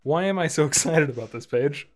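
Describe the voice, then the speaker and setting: Over soft background music, a man co-hosts a casual podcast in a slightly high, expressive voice at a brisk clip. His talk is loose and rambling, with frequent laughter.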